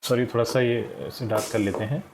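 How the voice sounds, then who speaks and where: A man teaching a primary school class, patiently going through textbook answers and repeating words slowly for the children. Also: mid-range voice, steady tone, darkish tone, slight background noise. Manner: addresses children often, checks with "ठीक".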